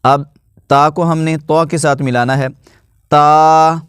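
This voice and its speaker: A man with an Urdu accent teaches Quran recitation, stretching each letter and vowel mark slowly and deliberately. His voice is smooth and resonant, sitting a little high. The close mic gives a dry sound with no room. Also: fairly even intonation, dry recording. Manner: slow drawn-out spelling of letters and vowel marks, then quicker explanations. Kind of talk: spelling and reciting lesson.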